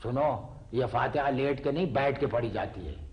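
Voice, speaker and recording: A man's voice: mid-range voice, normal speed, darkish tone, lightly acted. An actor playing a pompous middle-aged father and writer who talks in a flowery, theatrical way full of exclamations. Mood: boastful. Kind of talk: TV drama acting.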